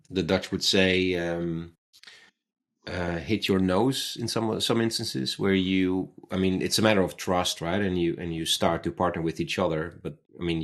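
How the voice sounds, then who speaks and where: A man's voice: low voice, fairly bright tone. A man hosting an interview, asking long, searching questions that he rephrases as he goes. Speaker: interviewer, host. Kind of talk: conversational interview.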